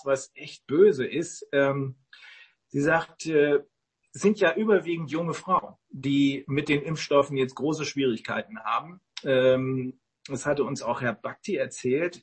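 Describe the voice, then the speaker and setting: Husky man talking haltingly. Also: medium pitch. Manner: rambling, halting, many fillers. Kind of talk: casual online talk.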